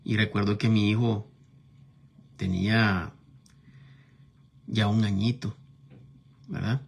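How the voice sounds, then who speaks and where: A man's voice: lowish voice, steady tone, slow, vocal fry, breathy edge. A middle-aged man from Nicaragua with a Nicaraguan accent, preaching a sermon and telling a personal testimony in a conversational way, often checking in with his listeners. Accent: Nicaraguan Spanish. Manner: conversational, constantly checks in with tag questions.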